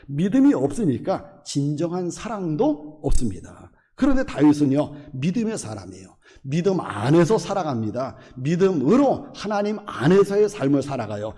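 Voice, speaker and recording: A male pastor delivers a sermon with a lively, rising-and-falling delivery. He keeps turning to the congregation with questions. His voice is mellow and rings with long reverb in the hall. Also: on the high side. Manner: expressive preaching, voices the quoted characters, asks the congregation questions.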